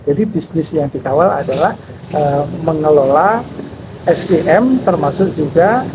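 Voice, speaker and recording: A man in his fifties, head of a national park office, answering interview questions in a measured, explanatory way with frequent pauses and fillers. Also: on the high side, animated. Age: 50s. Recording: noisy background with passing vehicles.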